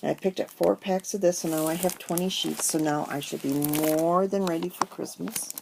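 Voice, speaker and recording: A woman's voice: fairly low pitch, steady tone, normal speed, gravelly. A middle-aged woman chatting casually through a crafting haul, rambling with many ums. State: has the hiccups. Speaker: crafting vlogger. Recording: noisy home recording. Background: paper crinkling and rustling.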